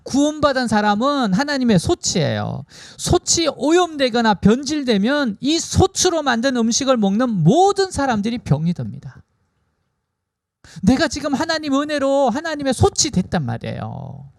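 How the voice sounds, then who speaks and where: A man preaching a sermon as a pastor from South Korea, emphatic and shifting between raised and hushed delivery. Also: very high voice, big pitch swings, normal speed, gravelly, no echo, clean studio sound.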